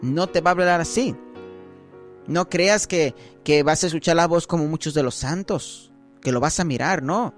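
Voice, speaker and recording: A man's voice: on the high side, normal speed, soft background music. A man giving a conversational sermon as a preacher, often checking in with his listeners.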